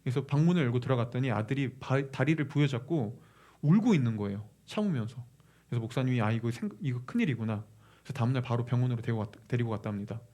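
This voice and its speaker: A man preaching a sermon, moving from quiet storytelling to loud, impassioned pleading. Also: mid-range voice, fast. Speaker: pastor.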